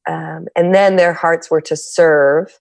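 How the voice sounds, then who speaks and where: A middle-aged San Diego woman, a guest on a podcast, talks in a low, steady, creaky voice during a reflective conversational interview. She's candid and thoughtful, often pausing and starting over as she hunts for words. The sound is close and dry, with no room sound.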